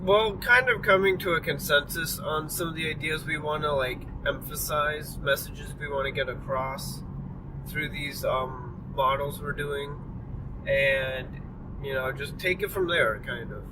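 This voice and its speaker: A young man with a fairly high voice talks at a measured pace while vlogging from inside a moving car. He's tired and yawning, rambling with lots of fillers and apologies, and the distant mic picks up clear road noise.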